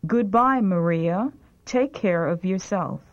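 A woman with a lowish voice and lively intonation reads phrasebook lines slowly, enunciating with care in a scripted language-course drill. The recording is a dull, lo-fi tape.

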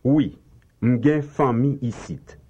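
A man with a mid-range, mellow, husky voice takes his time reading phrasebook lines for a language course. It's a slow, scripted drill delivered carefully with a lilting rhythm, captured on a dull lo-fi tape.

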